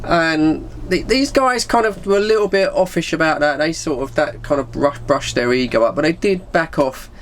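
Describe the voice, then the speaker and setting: Talking at a moderate pace with few pauses, this middle-aged man with an English accent has a fairly high-pitched voice. He's a vlogger telling a personal story, loose and slangy, acting out snippets of dialogue. There's slight background noise.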